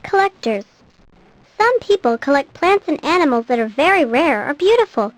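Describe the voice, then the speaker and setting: A woman's voice: sits high, big pitch swings, moderate pace, low-quality recording. A woman reading scripted nature documentary narration for an educational program.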